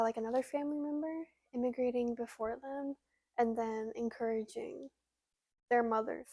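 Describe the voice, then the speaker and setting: Young woman, high voice, flat delivery, dry sound, measured. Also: no room sound. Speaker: student interviewee. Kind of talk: documentary interview.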